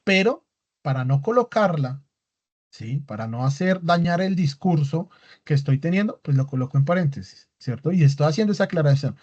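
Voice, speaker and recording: A man with a fairly high, darkish voice and lively intonation speaks at a moderate pace. He's teaching an online writing class, walking through it step by step and constantly checking in with students through tag questions. It's a recorded lecture with dull, lo-fi sound.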